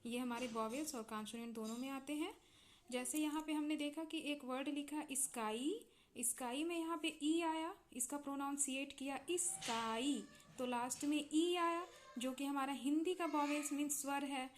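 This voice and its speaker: A woman's voice: sits high, fairly even intonation, moderate pace, slight background noise. A woman with an Indian accent teaching English vowel and consonant sounds, patiently repeating examples and checking in with her students. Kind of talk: explaining English phonics in Hindi.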